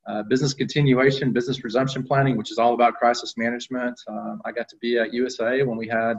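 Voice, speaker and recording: A man's voice: medium pitch, little pitch movement, quick pace, dull audio. A middle-aged man answering interview questions as a guest, talking conversationally with frequent fillers and restarts. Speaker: guest, company executive.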